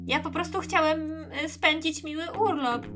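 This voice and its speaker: A woman's voice: sits high, moderate pace, over music, natural voice. Woman voicing a whiny toy dad who needs a shower. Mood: bewildered. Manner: whiny, insistent.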